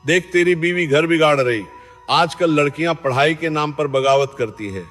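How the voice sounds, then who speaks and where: A man's voice: fairly high pitch, normal speed, fairly bright tone, lightly acted. A man voicing a harsh, domineering older mother-in-law who scolds and taunts, in a story read aloud. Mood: taunting. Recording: long reverb, faint music behind.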